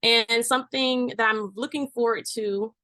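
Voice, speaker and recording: A woman presenting her small dance business at an open mic, pausing often with ums. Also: on the high side, fairly even intonation, sharp tone, no echo. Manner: hesitant, with many ums. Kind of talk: casual self-introduction.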